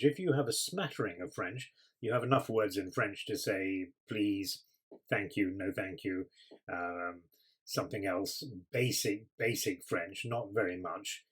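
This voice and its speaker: Male teacher, slightly low and breathy, patient step-by-step explainer. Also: poor audio. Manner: clear, patient explanations with frequent ums. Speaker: English teacher. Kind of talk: explaining vocabulary lesson.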